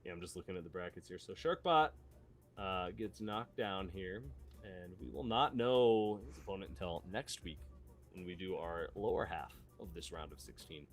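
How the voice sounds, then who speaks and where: A man hosting live esports commentary, excitable and laughing often, sometimes bursting into shouts, with the hiccups. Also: low voice, moderate pace, faint music behind. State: has the hiccups. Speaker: esports caster.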